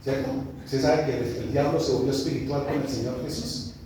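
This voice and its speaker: A male pastor preaches from a distance in a very echoey church hall, with faint noise behind him. He swings between sharp high rises and hushed, slowed-down stretches. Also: fairly even intonation. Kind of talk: sermon.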